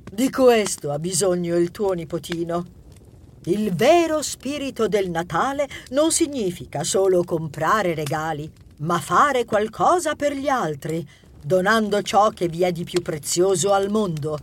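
An actress playing a gentle, wise woman at Santa's side who gives calm advice. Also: lowish voice, a little slow. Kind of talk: audiobook character voice.

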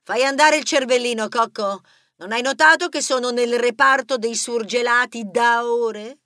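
A man's voice: extremely high pitch, big pitch swings, normal speed, pushed and bright, no echo, studio quality, voice pushed up, full character voice. A man voicing a bossy, impatient female detective partner in a storybook reading, scolding her sidekick.

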